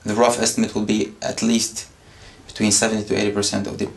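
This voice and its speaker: A man's voice: fairly low pitch, little pitch movement, creaky. A young man from Syria, answering interview questions carefully and hesitantly. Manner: careful, hesitant, many pauses. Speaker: interview guest.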